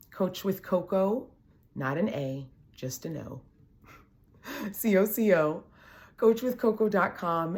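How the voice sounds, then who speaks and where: A woman life coach in a casual vlog, chatty and quirky, talking straight to viewers and laughing at herself. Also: lowish voice. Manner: animated, chatty, addresses viewers as "y'all"; laughs often at her own quirkiness.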